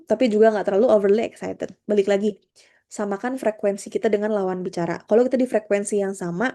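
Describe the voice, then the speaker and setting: A career trainer with a warm, medium-pitched voice leads an online workshop on job interviews. She talks through her slides in a friendly, conversational manner, mixing in English terms.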